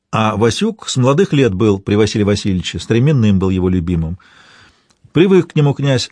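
A man reads a historical tale aloud in a measured, storytelling manner. His voice sits at a typical male pitch. The recording is dry and close, with no room echo. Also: a little mellow. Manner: measured, old-fashioned storytelling. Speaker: narrator. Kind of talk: scripted audiobook narration.

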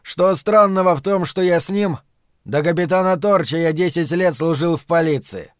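A man's voice: a little high, moderate pace, dry recording, clean studio sound, voice pushed up, lightly acted. A man voicing a stern young police officer who speaks in clipped orders.

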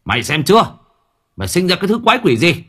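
A man voicing a stern, hot-tempered village teacher yelling at his sons and wife. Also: high-pitched, sing-song, racing, breathy edge, voice pushed up, full character voice. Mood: enraged. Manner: scolding, yelling insults.

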